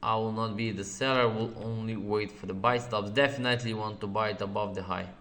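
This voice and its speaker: A man's voice: lowish voice, steady tone, brisk, fairly bright tone. Man hosting a trading webinar. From Slovenia. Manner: repeats "okay" often, plain non-native phrasing, laughs easily. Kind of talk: live webinar answering viewer questions over charts.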